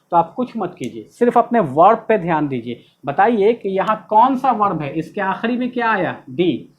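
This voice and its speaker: A man's voice: high-pitched, highs cut off. Patient male tutor drilling grammar rules. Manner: asks questions, then answers them himself. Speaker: English tutor. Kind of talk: classroom-style video lesson.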